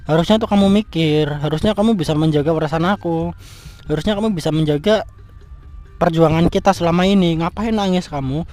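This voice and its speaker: A man's voice: a little high, fairly quick, a little mellow, soft background music, close to an everyday voice. A man playing a furious young man who scolds and curses his cheating fiancée in a scripted street drama. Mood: angry. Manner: angry scolding, cursing. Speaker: jilted fiancé.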